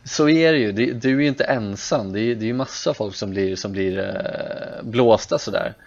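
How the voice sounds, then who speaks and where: A man's voice: lowish voice, vocal fry, darkish tone. A man chatting casually on a podcast, swearing freely and telling a story with plenty of restarts. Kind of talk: casual chat. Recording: dull lo-fi audio.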